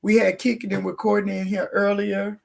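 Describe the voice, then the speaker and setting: Woman, livestream host, hoarse, gravelly fry, casual chat. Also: medium pitch, level tone, fairly quick, darkish tone. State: hoarse, losing her voice.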